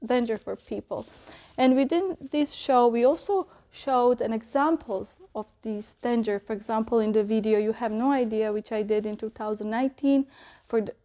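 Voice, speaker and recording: Woman, young adult, fairly high voice, reflective, pauses often with ums, interview answers. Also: warm tone. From Bosnia. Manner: thoughtful, pausing often with ums. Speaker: artist interviewed about her exhibition.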